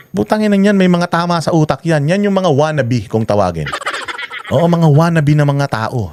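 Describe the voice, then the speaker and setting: A man's voice: a little high, a little hiss or hum. A man in his forties giving a profane, mocking reaction commentary, ranting and scoffing as he talks. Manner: mocking, heavy swearing, animated ranting. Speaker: reaction vlogger.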